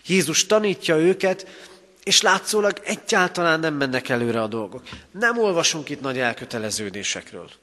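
A male pastor from Hungary preaching a sermon in a church, emphatic, with pauses and rising stresses. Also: a little high, fairly bright tone. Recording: long reverb of a church hall.

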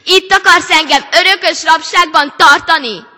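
Woman doing a defiant young girl from a storybook, bright tense voice, long church echo. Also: medium pitch, very animated, breathy edge, exaggerated voice. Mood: despairing. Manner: raised, loud outbursts. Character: stubborn defiant young girl trapped under a hat.

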